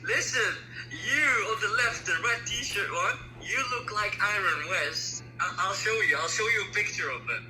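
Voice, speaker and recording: A man from the Netherlands on a video chat app, flirty and excitable. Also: sits high, moderate pace, hardly any pauses. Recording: echoey video call audio over music.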